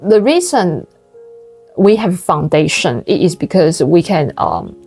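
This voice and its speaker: Breathy-voiced woman host from Taiwan. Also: lowish voice, very animated, unhurried, warm tone, faint music behind. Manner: hesitant, restarting, earnest questions. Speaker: interviewer, host. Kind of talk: interview conversation.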